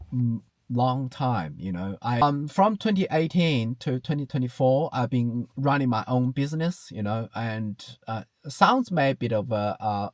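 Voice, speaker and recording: A Chinese vlogger in his thirties rambles to himself casually in a car, hesitant and reflective with many fillers. His voice is medium-pitched and a little mellow, in a dry recording.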